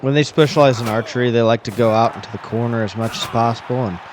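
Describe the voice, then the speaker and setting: A man's voice: mid-range voice, quick pace, slight background noise. A man giving casual game commentary in an offhand way, with playful muttered asides. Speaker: gameplay commentator.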